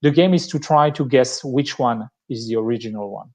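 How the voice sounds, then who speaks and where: A man's voice: mid-range voice, a little mellow. French-accented man explaining a tech demo. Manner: explanatory, thinking aloud with many pauses. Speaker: tech speaker giving a live demo. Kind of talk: live-streamed tech presentation.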